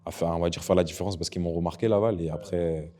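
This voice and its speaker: A young professional footballer from Ivory Coast chats as a guest in a casual interview. His deep voice moves fast, and he is relaxed and slangy, repeating himself often.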